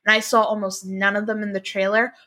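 A woman co-hosting a podcast in casual chat, animated and exasperated, laughing often and swearing. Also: mid-range voice, fairly quick.

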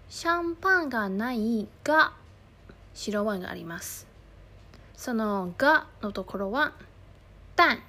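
A woman teaching phrases in a language lesson, explaining slowly and carefully, with stressed example words. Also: on the high side, fairly bright tone.

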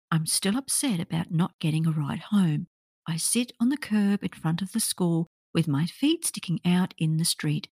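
A woman hosting a podcast narrates a true crime story in the first person, soft and measured, sometimes dropping to a whisper. Her voice sits a little low and sounds husky and breathy. The recording is dry and close, with no room sound. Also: no echo. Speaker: podcast host.

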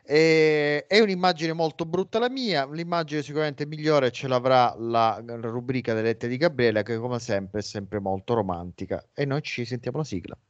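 A man's voice: mid-range voice, moderate pace, few pauses, no room sound. A man hosting a casual, humorous football podcast. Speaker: podcast host. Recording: slightly dull, dry podcast audio.

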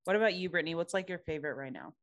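A woman's voice: fairly low pitch, expressive, racing. A woman co-hosting a podcast in casual chat, talking in a chatty way with laughs and fillers. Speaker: podcast co-host.

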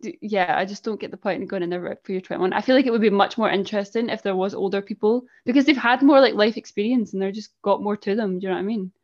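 A woman's voice: mid-range voice, quick pace, hardly any pauses, darkish tone, muffled recording. A Scottish woman in her early twenties co-hosting a podcast, chatting sarcastically and laughing often. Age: 20s. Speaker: podcast co-host. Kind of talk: casual chat.

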